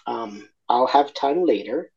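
A man from Argentina speaking candidly as an interview guest, reflective and halting, with many fillers and restarts. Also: medium pitch, expressive, gravelly, darkish tone, highs cut off.

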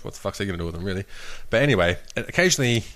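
A man's voice: on the low side, lively intonation, very fast, fairly bright tone. A man co-hosting a casual chat, telling stories with lots of laughter and swearing. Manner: laughing storyteller, swears freely.

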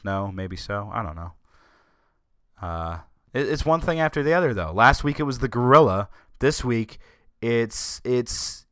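A man's voice: mid-range voice, fairly bright tone, no echo, studio quality. A man hosting his own podcast, ranting sarcastically and sounding exasperated and very tired. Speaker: podcast host. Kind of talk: solo podcast rant.

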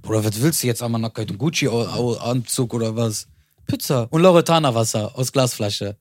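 A man co-hosting a podcast in casual chat, slangy and animated, jumping into high-pitched protests. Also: moderate pace, no echo, clean studio sound. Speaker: podcast co-host.

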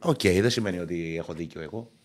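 Male co-host in his thirties, low voice, chatty sports banter. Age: 30s. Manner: reads out club news, then banters. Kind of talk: casual sports chat.

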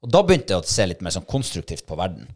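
A middle-aged man, telling a hunting-trial story in a casual chat and acting out his own thoughts and shouts. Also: low voice, very animated. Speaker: podcast co-host, hunting dog handler.

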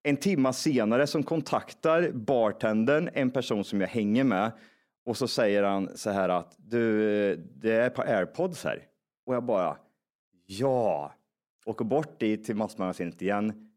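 A young man telling a long story in casual podcast chat, animated and full of swearing, acting out the people he quotes. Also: on the low side.

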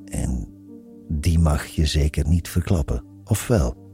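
A man's voice: a bass voice, takes it slowly, warm tone, faint music behind, heavily acted. A man voicing a curious, cynical man questioning a nun. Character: curious, searching adult man.

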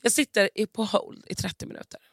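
A woman's voice: mid-range voice, no echo. A woman co-hosting a podcast, telling a story with lots of swearing and acting out both sides of a conversation. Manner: animated storytelling, acts out dialogue, swears freely. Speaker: podcast co-host. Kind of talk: casual chat.

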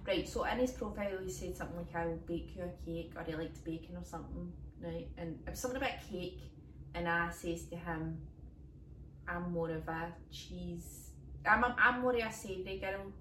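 Scottish woman, comic podcast co-host, low-set voice, rambling anecdotes, phone mic in an echoey room, faint hiss. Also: moderate pace, distant mic. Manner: rambling storyteller, laughs often. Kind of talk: casual comedic chat.

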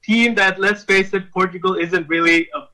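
A man's voice: high-pitched, steady tone, moderate pace, sharp tone, low-quality recording. A man from Bangladesh phoning a football show, giving firm, emphatic opinions. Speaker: caller. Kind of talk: casual phone-in chat.

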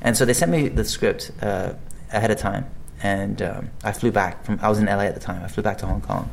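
An actor guest, a native English speaker, chats casually in an interview, rambling with many fillers and restarts. His voice is on the low side with vocal fry, and he talks fairly quickly. There's a little hiss or hum in the recording.

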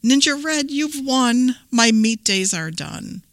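A woman voicing a hungry, scheming male wolf in a smooth, persuasive storybook voice. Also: a little high, expressive, slow, no echo, clean studio sound, voice pushed up. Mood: defeated.

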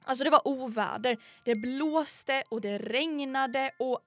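A young woman co-hosting a podcast, telling a story in a casual, animated and dramatic way with lots of fillers. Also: high-pitched. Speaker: podcast co-host.

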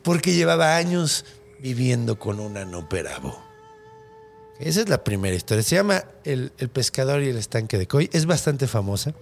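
Animated, slangy Mexican male storyteller. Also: mid-range voice, normal speed, vocal fry, faint music behind. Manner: slangy, animated, swears a lot. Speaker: podcast host. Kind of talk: casual storytelling.

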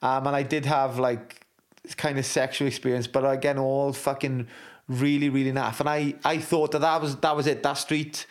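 A man's voice: medium pitch, flat delivery, normal speed. A middle-aged man, a former rugby player, talking frankly and swearing freely as an interview guest, full of restarts. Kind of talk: candid interview talk.

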